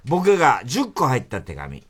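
A man's voice: medium pitch, wildly swooping pitch, a little slow. A man hosting a comedy radio show in a studio, reading listener letters and teasing bluntly. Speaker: radio host.

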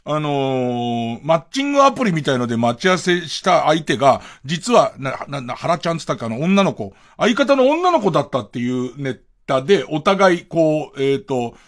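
A man's voice: on the high side, big pitch swings, moderate pace, few pauses. A man hosting a late-night radio show, rambling casually and thinking aloud with chuckling asides. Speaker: radio host.

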